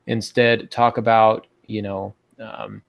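An American man in his forties, a podcast host, gives casual instructional talk over a video call from a small home office. His voice is fairly low, gravelly, slow, and flat in delivery, and the earbud headset audio sounds dull.

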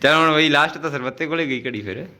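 Bright-voiced man calling a game. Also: on the high side, quick pace. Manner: calls out items, repeats phrases, coaxing. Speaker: vlogger running a family game. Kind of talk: casual family vlog.

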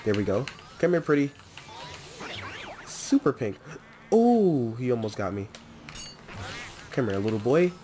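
A young man giving chatty, excitable gameplay commentary and talking to the characters on screen. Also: mid-range voice, unhurried, pauses often, music in the background. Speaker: let's play host.

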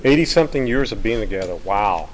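A man's voice: on the low side, lively intonation, fast talker, crowd noise, poor audio. A man interviewing an elderly couple, cutting in with short, stammered prompting questions. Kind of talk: casual interview.

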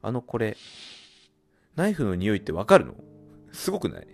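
A man's voice: lowish voice, huge pitch swings, normal speed, vocal fry, soft background music. Jumpy man yelping through a horror game. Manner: jumpy, bursts into loud startled yelps; mutters and reads game text aloud. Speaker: let's play gamer.

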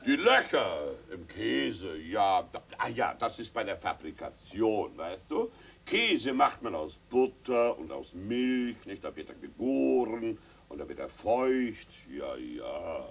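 A man's voice: lowish voice, sing-song, slow, voice pushed down, exaggerated voice. A man voicing a pompous, evasive father in a comic stage reading. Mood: blustering. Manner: gruff, evasive, long-winded. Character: blustering pompous middle-aged father.

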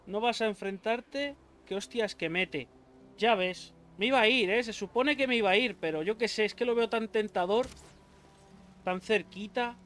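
A young man, doing let's play commentary, excitable and swearing often, yelping when attacked. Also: high voice, normal speed, slight background noise. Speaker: gaming YouTuber.

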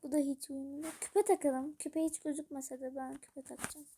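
Woman gaming vlogger, high voice, chatty, excitable, talks to the screen. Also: moderate pace, a little hiss or hum. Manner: chatty, gushing over game items, talks to her character. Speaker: gaming YouTuber. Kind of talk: casual gameplay commentary.

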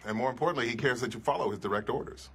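An actor playing a stiff, formal male police captain who speaks in a clipped, deadpan way. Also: mid-range voice, racing, slight background noise, close to an everyday voice. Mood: stern. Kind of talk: TV sitcom acting.

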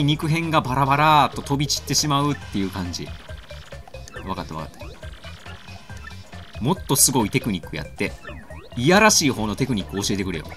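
A man with a Kansai accent doing let's-play commentary, joking crudely and getting excited. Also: mid-range voice. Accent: Kansai Japanese. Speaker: game commentator.

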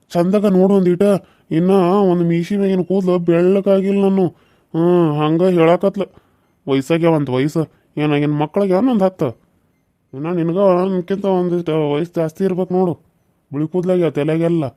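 Casting: male voice for a quick, higher-pitched cartoon man who teases and pleads, North Karnataka accent. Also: steady tone, dark tone, no room sound, studio quality, natural voice. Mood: coaxing. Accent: North Karnataka Kannada. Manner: coaxing, teasing.

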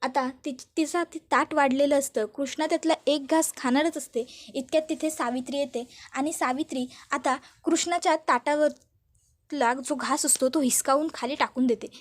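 A woman casually retells a TV serial episode scene by scene. Her voice is high, and she links each event with the same repeated connectives. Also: fairly even intonation, moderate pace. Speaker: serial recap narrator.

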